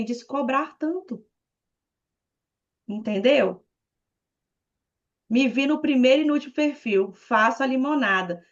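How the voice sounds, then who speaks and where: A woman from Brazil speaks high and bright with a playful, talkative manner. She addresses her listeners directly as she explains her points. The call audio is muffled and lo-fi. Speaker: guest speaker on leadership. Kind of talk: animated talk on a video call.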